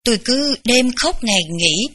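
Female audiobook reader, bright tone, gentle unhurried memoir narration. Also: a little high, animated, slightly rough. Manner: gentle, unhurried storytelling with light laughs. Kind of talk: memoir read aloud.

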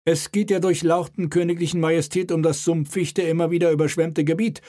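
A man's voice: on the high side, steady tone, brisk, warm tone, pitched above the performer's own voice, natural voice. A male reader voicing a stiff royal officer who speaks in a formal, long-winded, officious way.

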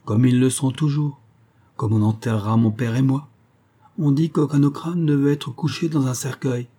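A man's voice: mid-range voice, steady tone, normal speed, dark tone, slightly rough, voice pushed up, lightly acted. A man reading as young frightened noblewoman Evelyne. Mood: anxious.

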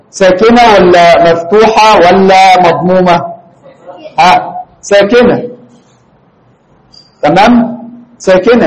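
A man's voice: high-pitched, poor audio. A man with an Egyptian Arabic accent teaching a grammar lesson to a class, constantly quizzing students with questions. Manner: questioning, prompts students for answers.

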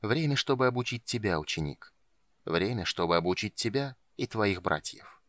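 A man voicing a frail, sinister old archmage who speaks softly and with menace. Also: animated, moderate pace, no room sound. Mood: quiet menace. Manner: soft, low, menacing. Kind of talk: audiobook character reading.

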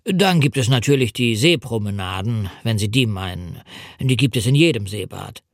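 A man's voice: on the low side, expressive, normal speed, no room sound, studio quality. A man reading the lines of a deferential old coastguard who answers politely and ponders aloud.

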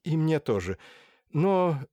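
A man voicing an excitable, jumpy young male painter in an audiobook. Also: on the high side, slow pace, dry recording, lo-fi sound, pitched above the performer's own voice. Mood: eager. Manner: eager, jumpy. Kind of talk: audiobook character voice.

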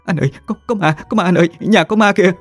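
A man's voice: sits high, very fast, dry recording, faint music behind, pitched above the performer's own voice. A man voicing a terrified, guilt-ridden young mother who stammers and pleads through tears. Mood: panicked. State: crying.

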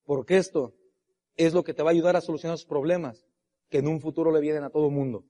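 A middle-aged man giving a motivational convention speech, swinging between shouted resolve and hushed storytelling. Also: a little high, steady tone, fast talker. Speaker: motivational speaker. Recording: long reverb of a large hall.

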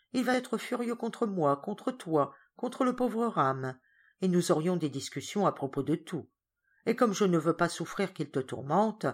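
Lady doing a earnest worried boy, storybook. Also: lowish voice.

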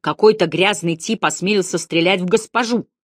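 A woman's voice: on the low side, a little fast, dry recording, studio quality, pitched above the performer's own voice, natural voice. A woman reading the part of an outraged, loyal middle-aged manservant. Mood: indignant.

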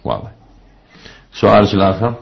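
A man with an Iraqi accent hosting a call-in religious question show, with brisk, clipped acknowledgements. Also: lowish voice, very animated, creaky. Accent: Iraqi Arabic. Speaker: radio call-in host. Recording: dull muffled broadcast sound.

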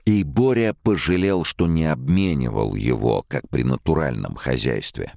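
A man reading a novel aloud in an expressive, measured narration into a studio microphone. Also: extremely low pitch, creaky, no room sound. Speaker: audiobook narrator. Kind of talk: scripted literary narration.

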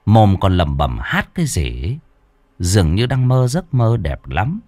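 A man narrating a ghost story in an expressive, dramatic storytelling style. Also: fairly low pitch, measured pace, no echo.

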